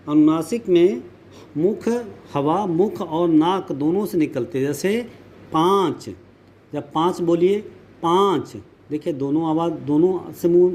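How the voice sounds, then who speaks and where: A male teacher talks through a grammar lesson at an unhurried pace, repeating each example so students can follow. His voice sits a little high for a man but sounds mellow and soft-edged. A faint hiss runs under the recording. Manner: slow, explanatory, repeats words and examples for students. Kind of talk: classroom lesson.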